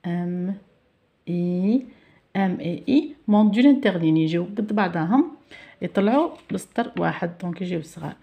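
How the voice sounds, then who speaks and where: Algerian lady teacher going over syllables, soft darkish voice, mixes french and arabic. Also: lowish voice, expressive, vocal fry. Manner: switches between French and Algerian Arabic, spells letters slowly. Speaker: primary school teacher. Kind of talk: classroom lesson video.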